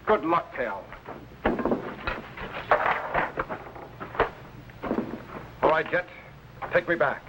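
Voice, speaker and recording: An actor playing an authoritative, heroic time-traveling captain and mentor in an old-time children's science fiction serial. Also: male voice, fairly high pitch, lively intonation, moderate pace, dull audio, natural voice. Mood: urgent, commanding. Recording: slightly noisy vintage serial recording.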